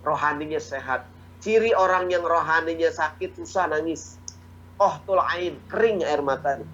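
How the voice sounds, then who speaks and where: A man with a fairly high, slightly bright voice, heard through a muffled recording, gives a casual religious talk online. He jokes, chats, acts out quoted dialogue, and keeps asking listeners "ya nggak?" as an Islamic preacher.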